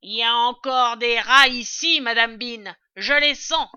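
A woman playing a large serving woman in a cellar, loud and grumbling. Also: fairly high pitch, steady tone, normal speed, no room sound. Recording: dull lo-fi recording.

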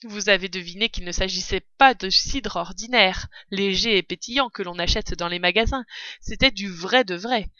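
A woman reading a children's story aloud with expressive narration. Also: mid-range voice, normal speed, dry recording. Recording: dull, dry recording.

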